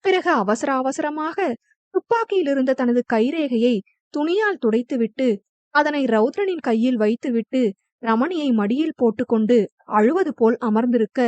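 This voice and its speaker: A woman reading a novel aloud as an audiobook narrator, in an even storytelling delivery. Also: high voice, dry recording, dull audio. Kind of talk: scripted narration.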